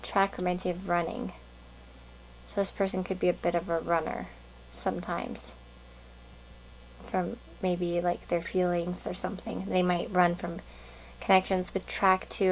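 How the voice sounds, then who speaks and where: A woman's voice: fairly low pitch, monotone, normal speed, a little hiss or hum, rough recording. A woman giving a casual pick-a-card tarot reading to viewers, musing and thinking aloud in a meandering way.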